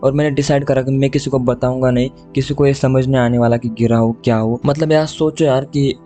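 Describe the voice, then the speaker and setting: A man's voice: mid-range voice, steady tone, brisk, dark tone, soft background music. A young man casually telling a personal story, chatting to the listener as "bhai" throughout.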